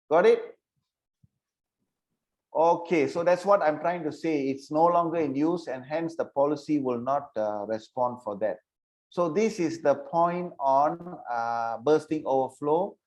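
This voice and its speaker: A man's voice: a little high, a little mellow, rough recording. A man teaching an online insurance training session, repeating key points and checking that listeners follow.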